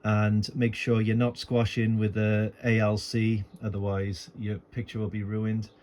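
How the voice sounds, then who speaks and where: A lowish, slightly mellow male voice delivers everything completely flat and a bit slowly. The speaker, an amateur radio enthusiast, is filming his setup on a handheld phone for a tutorial, thinking aloud hesitantly in an unscripted, casual tour of screen and gear, with noisy amateur audio.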